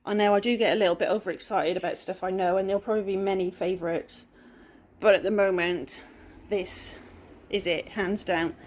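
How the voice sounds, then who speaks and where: A woman's voice: mid-range voice, steady tone, brisk, a little mellow. Chatty West Country woman. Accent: West Country English. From England-Wales border, UK. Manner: chatty, rambling, self-deprecating. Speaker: furniture flipper. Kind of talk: casual DIY vlog narration.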